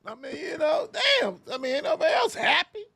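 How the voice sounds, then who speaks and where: A male sports show host talks in loose, animated banter, full of slang and filler words. His voice sits high for a man. The sound is dry and close. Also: a little fast, gravelly, no echo. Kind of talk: casual sports talk.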